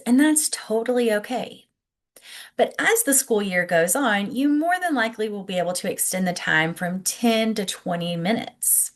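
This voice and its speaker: A woman presenting scripted teaching tips as an early childhood educator, explaining clearly and encouragingly and speaking directly to the listener. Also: medium pitch. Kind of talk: instructional presentation, scripted narration to camera.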